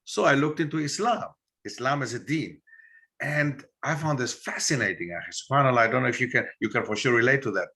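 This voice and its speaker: Bright-voiced man telling stories animatedly. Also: mid-range voice, fairly quick. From Greece. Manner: animated storyteller acting out quoted dialogue. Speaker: guest historian and author. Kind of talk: interview storytelling.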